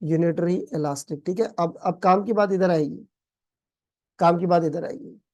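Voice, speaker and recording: Mellow-voiced man teaching. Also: high voice, moderate pace. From Pakistan. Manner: calls students "beta", quizzes them with call-and-response questions; explains with playful everyday examples, mixing in English terms. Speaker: accounting tutor. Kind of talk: recorded exam-prep lecture.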